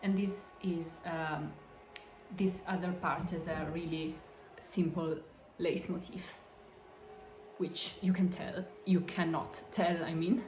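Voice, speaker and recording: A podcast host from Italy chats slowly about her knitting in a casual crafts show-and-tell, her accented English halting, with lots of fillers and self-corrections. The voice is a bit low, steady and slightly mellow, recorded in an echoey room with slight background noise.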